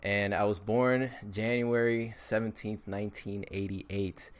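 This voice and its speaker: A man in his thirties from Miami, Florida, chats casually as an upbeat podcast guest in an interview, using lots of fillers and repeats. His voice is fairly low with a level tone and measured pace.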